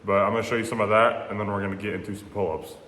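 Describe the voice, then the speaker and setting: A man's voice: fairly low pitch, little pitch movement, very fast, fairly bright tone, slight background noise. A young man vlogging his workout in a gym, chatting to the camera and explaining each step as he goes. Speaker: fitness vlogger. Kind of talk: casual workout vlog. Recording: echoey room with long reverb.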